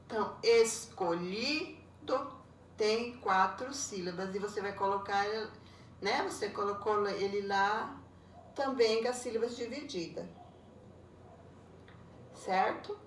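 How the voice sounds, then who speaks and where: A woman, a primary school teacher correcting homework in a recorded lesson, explaining slowly and patiently with frequent checking tags. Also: mid-range voice. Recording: roomy echo, voice a bit far from the mic, faint background noise.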